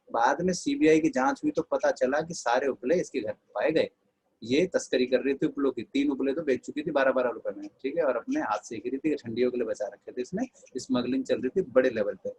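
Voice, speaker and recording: Husky indian guy teaching english online, jokey storyteller, mid pitch, puts on silly voices for quarrels. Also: darkish tone, poor audio. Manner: playful storytelling, acting out quarrels in funny voices. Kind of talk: live online class.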